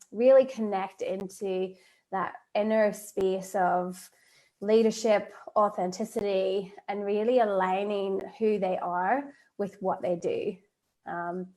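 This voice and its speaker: A woman speaks as a guest over a video call, chatty and loose, laughing often and filling pauses as she thinks aloud. Her voice sits at an ordinary middle pitch. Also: darkish tone. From Northern Ireland. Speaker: guest, life coach. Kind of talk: casual interview chat.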